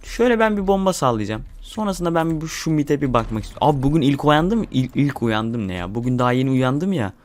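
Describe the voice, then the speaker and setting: A young gaming-channel host gives excitable live commentary as he plays, swearing and addressing his viewers. His mid-range voice moves fast with few pauses.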